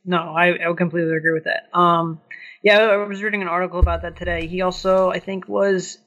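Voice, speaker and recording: A man's voice: high voice, little pitch movement, quick pace, fairly bright tone. A man co-hosting a casual podcast, rambling with enthusiasm and swearing casually. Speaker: podcast co-host. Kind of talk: casual chat.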